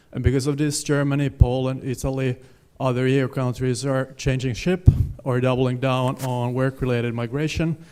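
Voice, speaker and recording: Flat, smooth-voiced man asking a question. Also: medium pitch. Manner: steady, fact-laden, formal. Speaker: audience member asking a question. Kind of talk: audience question at a forum.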